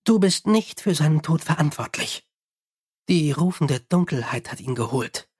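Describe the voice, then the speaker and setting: A male narrator voicing a dwarf priest who speaks in a measured, formal way. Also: on the high side, animated, a little mellow, slightly rough. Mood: solemn.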